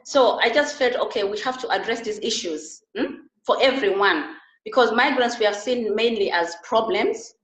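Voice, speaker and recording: Middle-aged woman from uganda, earnest, keeps restarting her sentences, roomy echoey sound. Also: on the high side. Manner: earnest, halting with frequent restarts. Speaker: interview guest, beauty and wellness therapist. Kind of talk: conversational interview. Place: Germany. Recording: roomy echo.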